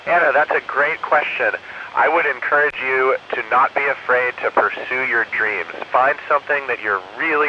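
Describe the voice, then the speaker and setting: A man answering students' questions from an orbiting space station over a crackly radio downlink, earnest and measured, signing off each answer with 'over'. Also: mid-range voice. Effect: crackly space-to-ground radio downlink. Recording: dull radio link with faint static hiss.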